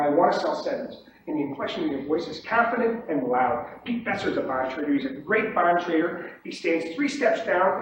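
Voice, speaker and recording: Emphatic high-voiced man lecturing on trading. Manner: emphatic, repeats "okay?" and acts out pit shouts. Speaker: bond pit trader teaching trading. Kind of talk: informal lecture to traders. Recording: distant, dull, echoey room recording with faint noise.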